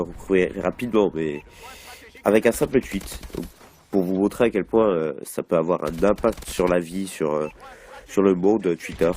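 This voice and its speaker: A man's voice: deep voice, darkish tone. A man hosting a gaming video, talking casually over gameplay, rambling with many fillers and repeats. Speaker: gaming channel host.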